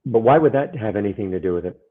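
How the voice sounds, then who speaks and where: Man, live-stream host, fishbowl-muffled voice, tinny narrow sound, slightly low pitch, hesitant halting delivery. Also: animated, husky. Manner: hesitant, halting, repeats himself. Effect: muffled sound, as if inside a fishbowl. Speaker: day-trading livestream host. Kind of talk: casual live-stream chat. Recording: muffled, tinny wrong-mic audio.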